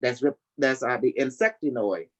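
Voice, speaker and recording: Slight background noise sits behind this medium-pitched man, who speaks at a moderate pace. With a Cambodian accent, he runs a group call as a spiritual teacher, chatting casually in non-native English that omits verbs and word endings.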